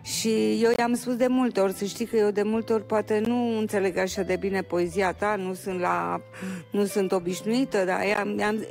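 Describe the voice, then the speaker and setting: Older woman telling a warm, chatty story. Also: mid-range voice. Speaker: guest. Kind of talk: casual chat.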